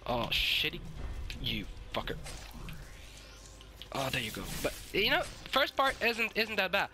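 A sick, hoarse man giving swearing, excitable let's-play commentary and shouting at the game. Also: high-pitched, a little slow. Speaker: gaming YouTuber.

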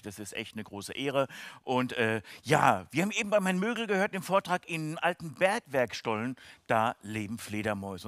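A man presenting science to children with playful enthusiasm, his voice leaping up and down in pitch. The sound is close and dry, with no room around it. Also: fairly bright tone, no echo. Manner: enthusiastic, playful, speaks directly to kids. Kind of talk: lively children's science lecture. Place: university event, online stream.

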